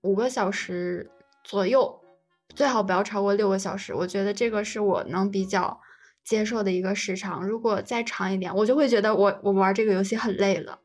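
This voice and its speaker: A woman's voice: medium pitch, steady tone, fairly quick. A young adult woman, chatting casually. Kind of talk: casual chat. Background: music.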